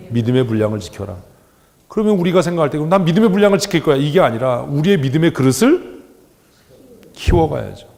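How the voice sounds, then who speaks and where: A male pastor delivers a sermon in a church, animated and joking as he acts out the voices of people he quotes. His voice has a gravelly edge and moves up and down a great deal. The hall carries a long reverb behind him. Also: mid-range voice. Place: church sanctuary.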